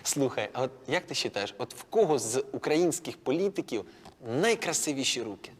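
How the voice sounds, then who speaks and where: A man playing a lovestruck, giggly middle-aged cleaning woman in a comedy sketch, in a high put-on female voice with mixed Ukrainian-Russian speech. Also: very animated, a little fast, close to an everyday voice. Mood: dreamy gossip. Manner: dreamy, giggly, exaggerated. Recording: echoey room with noise.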